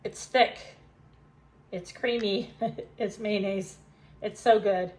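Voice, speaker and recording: A woman's voice: medium pitch, fairly even intonation, slow, darkish tone. A woman chatting and giggling through a casual home kitchen cooking demo, a bit self-deprecating.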